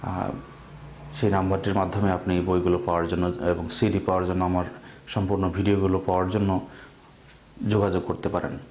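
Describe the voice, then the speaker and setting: A man's voice: low-pitched, monotone, a little mellow, a little hiss or hum. Echoey-voiced Bangladeshi man teaching grammar. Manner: explains slowly, repeating example sentences. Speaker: English teacher. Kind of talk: bilingual grammar lesson.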